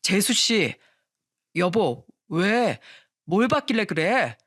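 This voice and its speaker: A woman's voice: mid-range voice, big pitch swings, slow pace, fairly bright tone, no echo, clean studio sound, heavily acted. A woman voicing a startled young husband who stammers out questions.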